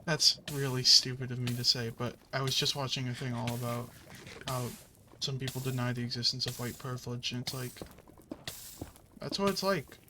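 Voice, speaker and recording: A man's voice: mid-range voice, fairly even intonation, moderate pace, noisy background. A man chatting casually while playing a video game, rambling with many fillers and the odd curse at the game. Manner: swears at the game. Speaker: gaming channel host.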